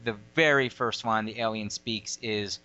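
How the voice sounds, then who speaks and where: Bright, clear-voiced man in casual chat. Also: lowish voice, steady tone, a little slow. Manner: rambling, digressive, lots of fillers. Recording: lo-fi audio.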